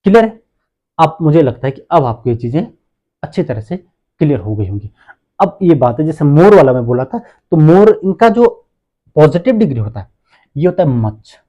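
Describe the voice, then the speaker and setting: A man's voice: on the high side, very animated, mellow, lo-fi sound. A man teaching an English grammar lesson, who asks questions and then answers them himself. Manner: asks rhetorical questions and answers them, repeats words slowly.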